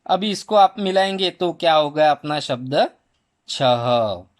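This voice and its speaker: A man teaching a primary school Hindi lesson, slowly sounding out each letter and vowel sound for children. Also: sits high. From India. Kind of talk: slow spelling lesson for children.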